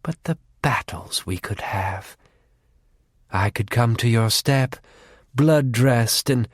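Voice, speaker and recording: A man voicing a cruel, war-loving female faery who taunts her sister in a low, menacing voice that drifts into whispers. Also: slow, no room sound, clean studio sound, close to an everyday voice.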